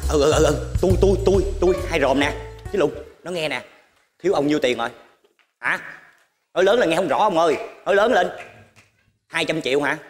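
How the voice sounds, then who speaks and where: A man's voice: on the high side, expressive, brisk, pauses often, in a large hall, soft background music, natural voice. A man, playing a reckless gambler placing bets by phone in a comedy sketch. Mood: blustering. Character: reckless middle-aged male gambler.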